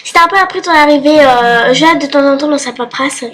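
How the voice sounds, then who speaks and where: A woman's voice: sits high, a little fast, fairly bright tone, slight background noise. A woman voicing a polite female student delegate from a dating game, hesitant and stumbling over her words.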